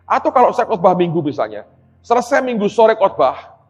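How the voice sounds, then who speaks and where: A man's voice: high voice, brisk, husky, soft background music. A middle-aged man preaching a sermon, telling stories and acting out conversations while addressing the congregation directly. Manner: animated storytelling, acts out dialogue, addresses audience as "saudara". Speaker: pastor. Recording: dull sound in a reverberant hall.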